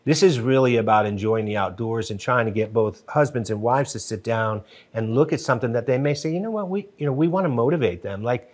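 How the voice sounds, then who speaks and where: Animated middle-aged man, podcast guest. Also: mid-range voice, a little fast, hardly any pauses. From Western Pennsylvania. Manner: animated, gestures a lot, frequent restarts. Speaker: podcast guest, TV show co-creator. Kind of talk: casual interview chat. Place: wood-paneled podcast studio. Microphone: studio mic on boom arm.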